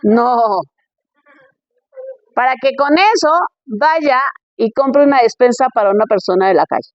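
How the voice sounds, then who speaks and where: High-voiced woman preaching. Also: animated, unhurried, no room sound, dull audio. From Colombia. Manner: reads Bible verses, checks in with "¿ok?".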